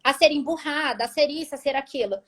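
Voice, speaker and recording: A woman with a Brazilian Portuguese accent giving a faith testimony in an animated, expressive way. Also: high-pitched, quick pace.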